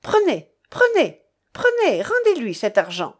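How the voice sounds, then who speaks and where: A woman reading the part of a proud, indignant young woman, shrill with anger. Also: wildly swooping pitch, a little slow, heavily acted.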